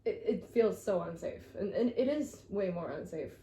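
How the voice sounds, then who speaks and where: A woman's voice: fairly low pitch, animated, normal speed, mellow, roomy sound, a little hiss or hum, low-quality recording. Easygoing young woman from Sweden. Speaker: guest. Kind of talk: casual chat.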